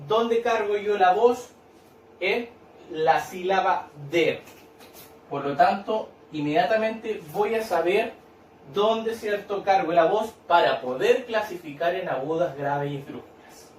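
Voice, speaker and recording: A high-voiced man teaches slowly and patiently, stretching out words. He sounds set back from the mic in an echoey room with faint noise behind him. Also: recorded from a distance. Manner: patient, repeats and claps out syllables, tag questions. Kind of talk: recorded lesson explaining a worksheet.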